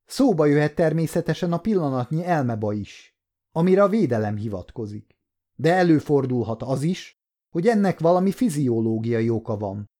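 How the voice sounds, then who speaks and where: A man's voice: on the high side, sing-song, warm tone, voice pushed up. A man voicing an earnest male police doctor giving testimony in court in an audiobook story.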